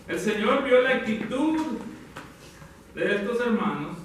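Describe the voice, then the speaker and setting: A high-voiced man preaches a sermon in a church hall, addressing the congregation as brothers and sisters and correcting himself as he goes. His voice is picked up from a distance and rings heavily around the room, with faint ambient noise behind him. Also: lively intonation. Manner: addresses listeners as brothers, halting with self-corrections. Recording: very echoey hall, from far off.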